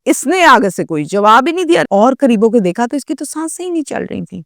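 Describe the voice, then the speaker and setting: A woman's voice: fairly high pitch, big pitch swings, gravelly, fairly bright tone, dry recording, clean studio sound. A woman narrating a true story in the first person, dramatic and acting out the quoted dialogue.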